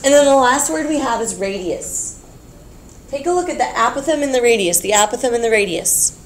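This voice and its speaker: A woman's voice: a little high, lively intonation, brisk, slight background noise. A woman teaching a geometry class, explaining patiently, repeating key points and checking in with her students. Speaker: math teacher.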